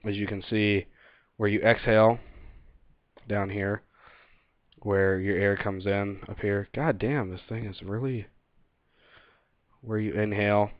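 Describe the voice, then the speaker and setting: Low-voiced man, dull webcam audio. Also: steady tone, unhurried, pauses often, no echo. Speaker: gear reviewer presenting a video. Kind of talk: casual unscripted product review. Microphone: webcam setup.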